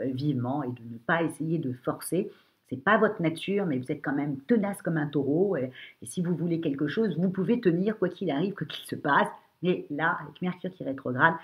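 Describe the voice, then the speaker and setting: A woman with a broken, cracking, rather weak voice gives an informal horoscope to viewers as an astrologer, emphatic but halting, often repeating herself. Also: deep voice, a little mellow. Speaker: astrologer giving a monthly horoscope.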